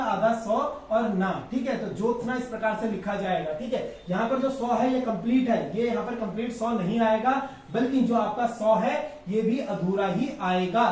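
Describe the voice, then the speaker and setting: A man teaching as an exam coach, going over practice test answers and spelling words out slowly, with a filler he repeats often. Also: high-pitched, darkish tone. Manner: repetitive, drawn-out spelling of words, frequent filler "thik hai". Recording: very echoey room, distant mic, faint noise.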